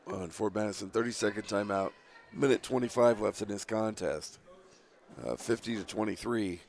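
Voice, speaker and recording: A man calling play-by-play for a high school girls' basketball game, reading out scores and times left. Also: moderate pace, vocal fry, a little mellow. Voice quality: scratchy voice. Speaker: play-by-play announcer.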